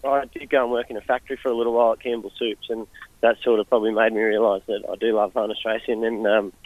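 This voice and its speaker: A man's voice: on the low side, flat delivery, fast talker, no echo. A young Australian man, a harness racing driver, giving a casual interview in a modest, easygoing way. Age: young adult. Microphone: phone. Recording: muffled dry phone line.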